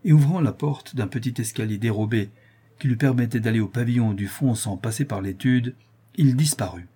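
A man reading a novel aloud in steady, measured narration. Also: mid-range voice, breathy edge. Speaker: audiobook narrator.

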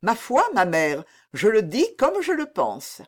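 A woman's voice: medium pitch, wildly swooping pitch, slow, pitched above the performer's own voice, exaggerated voice. Woman doing a petulant jealous young prince. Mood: aggrieved. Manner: indignant, bitter retorts.

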